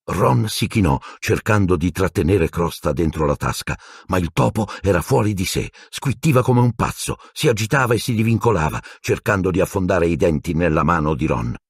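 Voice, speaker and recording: Man, audiobook narrator, deep, husky, lively pitch, dry close recording. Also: normal speed, hardly any pauses, no echo. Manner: expressive storytelling. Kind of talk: audiobook reading.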